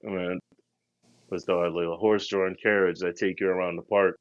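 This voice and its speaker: A man's voice: sits low, little pitch movement, moderate pace, no room sound, highs cut off. A man co-hosting a podcast, telling travel stories in a slangy, laid-back, rambling way. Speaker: podcast co-host. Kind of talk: casual travel storytelling.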